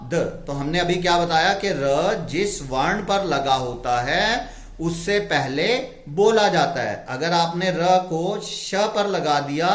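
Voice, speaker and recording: Slow, high-voiced male Hindi teacher. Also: fairly bright tone, reverberant. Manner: asks questions and answers them himself. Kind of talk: slow explanatory lesson with rhetorical questions.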